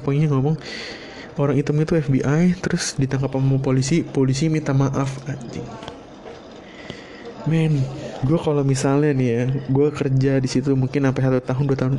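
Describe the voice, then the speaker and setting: A man's voice: mid-range voice, mellow. A man, talking in a loose solo monologue at home, rambling and swearing casually. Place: home room, not a studio.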